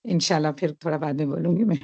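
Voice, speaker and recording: A woman's voice: deep voice, quick pace, darkish tone, breathy edge. A woman taking part in an online workshop, speaking hesitantly and politely. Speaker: workshop participant. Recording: dull lo-fi call audio.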